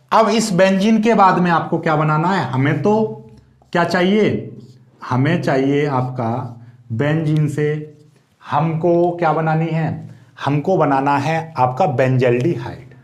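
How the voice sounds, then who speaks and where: A man's voice: a little high, measured pace, reverberant. A man teaching chemistry, explaining each step and asking questions to his students. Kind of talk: board exam lecture.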